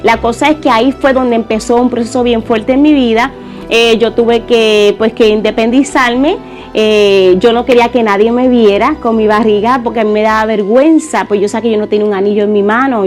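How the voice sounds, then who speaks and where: Earnest woman giving a church testimony. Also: a little high. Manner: earnest, conversational, with fillers.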